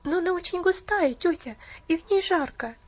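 Woman doing a sweet eager girl, high voice, pleading and earnest, muffled recording. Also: normal speed. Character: eager, kind-hearted young girl.

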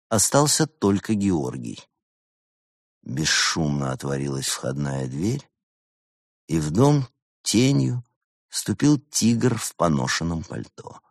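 A man narrating an audiobook in an expressive storytelling manner. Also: low voice, no room sound, clean studio sound.

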